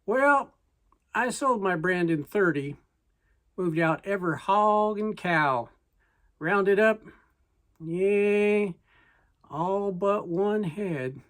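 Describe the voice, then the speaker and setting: A person with a reciting poetry as a story in verse, in a folksy way with deliberate pauses. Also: mid-range voice.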